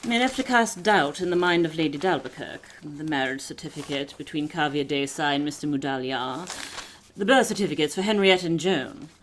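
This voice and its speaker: A shrewd aristocratic lady detective played by an actress in a period radio mystery, with a low female voice. She explains in a measured, authoritative way, fully composed and deliberate. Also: a little hiss or hum, lightly acted. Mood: confident, explanatory.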